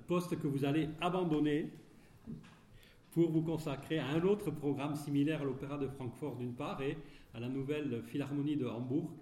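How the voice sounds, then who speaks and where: Mellow-voiced man hosting in an echoey room. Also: medium pitch. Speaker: host introducing a guest speaker. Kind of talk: spoken introduction at a public event. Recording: echoey room, faint noise.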